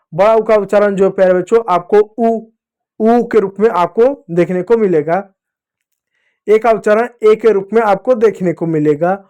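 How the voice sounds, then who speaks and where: A man's voice: high-pitched, darkish tone. A man teaching children in a patient way, repeating and drilling each sound as he speaks straight to them. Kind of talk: spoken children's lesson.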